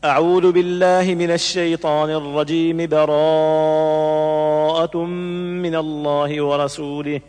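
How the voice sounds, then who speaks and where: A man reciting Quranic verses slowly in a melodic chant, drawing out the vowels, as examples in a lesson. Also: a little high, little pitch movement, darkish tone, smooth, big-room sound, natural voice.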